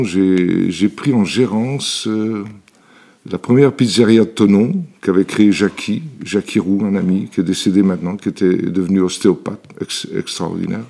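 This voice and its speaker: Older man, low mellow voice. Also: gravelly. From Italy. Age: 70s. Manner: hesitant, many fillers and restarts. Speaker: interview guest, elixir maker. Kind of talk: relaxed personal storytelling. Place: his workshop laboratory.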